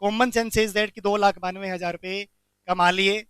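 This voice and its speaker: A man teaching a commerce lecture, animated, asking the class questions and answering them himself. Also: high voice, measured pace, smooth, dry recording.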